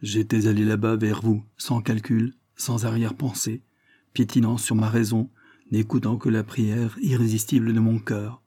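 A man's voice: fairly low pitch, little pitch movement, moderate pace, warm tone, dry recording, clean studio sound, natural voice. A man reading a heartbroken young engineer who pours out impassioned, bitter reproach.

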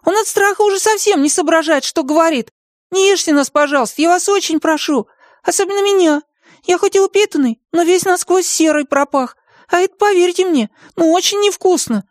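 A narrator voicing a plump, nervous little creature with a tail, who talks in a squeaky, pleading, flustered way. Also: animated, moderate pace, no room sound, clean studio sound. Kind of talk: audiobook character voice.

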